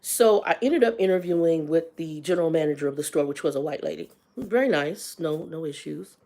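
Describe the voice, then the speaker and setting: Low gravelly woman in her fifties. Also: expressive, brisk, mellow. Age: 50s. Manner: candid, colloquial, faith-based asides. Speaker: livestream host. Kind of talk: casual storytelling livestream.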